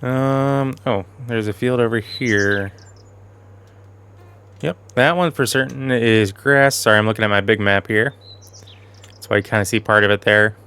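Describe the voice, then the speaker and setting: A man's voice: lowish voice, unhurried, long pauses, sharp tone, clean tone. Casual man with a fading voice. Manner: rambling, self-correcting, chatty. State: losing his voice, clearing throat. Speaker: gaming channel host. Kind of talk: casual game commentary.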